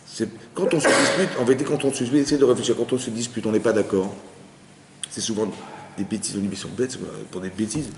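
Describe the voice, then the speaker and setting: A man gives a quick, animated class to listeners in a study hall, checking often that they follow. His voice carries a long, roomy reverb from the hall, with a faint hiss underneath. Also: mid-range voice. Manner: lively, conversational, often asks the audience if they follow. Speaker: rabbi. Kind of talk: informal Torah class.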